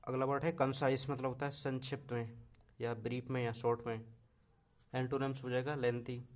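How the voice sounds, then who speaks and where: A young man runs through a vocabulary list for exam students. He reads each word aloud, repeats it and corrects himself as he goes. His voice sits at a middle pitch. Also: flat delivery, moderate pace, a little mellow. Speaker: teacher. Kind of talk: vocabulary lesson.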